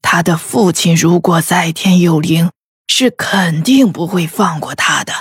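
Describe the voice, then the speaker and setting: A woman voicing a grieving old noblewoman who talks slowly and wearily about her wayward son, with sighs. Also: fairly low pitch, no room sound, clean studio sound, full character voice. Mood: weary lament. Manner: slow, sighing, weary and breathy. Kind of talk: audiobook character voice.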